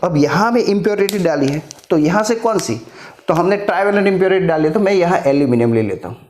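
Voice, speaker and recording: Man, middle-aged teacher, slightly high voice, step-by-step explanations, roomy echo. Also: darkish tone. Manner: explains step by step, mixing in English terms. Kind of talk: classroom physics lesson. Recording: echoey room.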